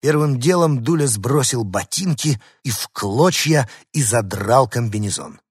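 A man narrating a children's story in the first person with expressive storytelling. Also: medium pitch, measured pace, breathy edge, no room sound, clean studio sound. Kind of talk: scripted narration.

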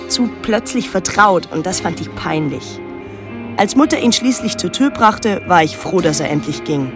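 An actress voices a wary, withdrawn teenage daughter narrating her story of the island in a measured, introspective radio drama style. Her medium-pitched delivery is only lightly acted.

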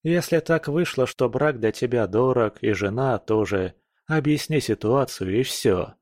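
Slow, wry male audiobook narrator. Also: mid-range voice, darkish tone, dry recording, studio quality. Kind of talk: first-person audiobook narration.

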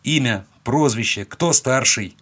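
A man's voice: mid-range voice, measured pace, a bit bright. A man voicing a ruthless young man who gives curt, clipped commands. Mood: cold.

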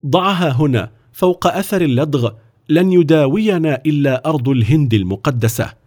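رجل يؤدي صوت أم حازمة مصممة، تتكلم بثبات وبنبرة أعلى من صوته المعتاد. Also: male voice, on the high side, lively intonation, fairly quick, darkish tone, pitched above the performer's own voice. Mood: firm. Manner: firm, resolute. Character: elderly mother, firm and determined.

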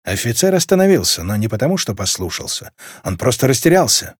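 A man reading a novel aloud as an audiobook narrator, with expressive, varied storytelling. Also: medium pitch, brisk, slightly rough, dry recording, studio quality. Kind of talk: scripted narration.

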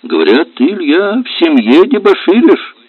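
Man voicing stern village policeman, firm tone, lively pitch, dull lo-fi sound. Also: moderate pace, exaggerated voice. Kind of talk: audiobook reading. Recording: dull lo-fi recording.

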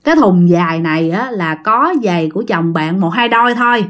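A woman's voice: fairly low pitch, expressive, a little fast, a bit bright. A woman telling a ghost story in a chatty way, often speaking straight to her listeners. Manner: chatty, addresses listeners directly.

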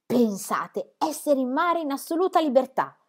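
A woman voicing an exuberant, carefree young girl who talks loudly and teasingly in a storybook reading. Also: on the high side, expressive, moderate pace, lightly acted. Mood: gleeful. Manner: loud, gleeful and teasing.

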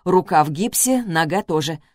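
A woman's voice: deep voice, dry recording, studio quality. Woman narrating a literary audiobook. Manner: measured, expressive.

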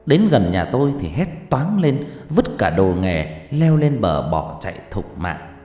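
Lively, dramatic male horror storyteller. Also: a little slow. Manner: dramatic, expressive storytelling with shifting pitch. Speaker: audiobook narrator. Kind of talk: first-person horror story narration. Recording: reverberant hall with background music.

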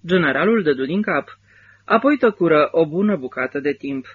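A man narrates a literary novel as an audiobook, in a measured storytelling manner. His voice is somewhat high for a man. The recording sounds dull and lo-fi. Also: lively intonation, husky, dry recording.

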